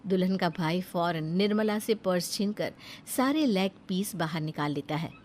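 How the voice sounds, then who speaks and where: A woman narrating a cartoon bedtime story in an even, storytelling delivery. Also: lowish voice, normal speed, noisy background.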